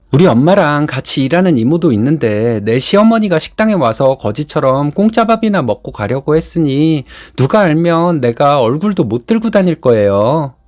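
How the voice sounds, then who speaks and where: Slightly high-voiced man reading a story. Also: a little mellow. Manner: plainly recounting, with an aggrieved tone. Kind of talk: scripted first-person story narration.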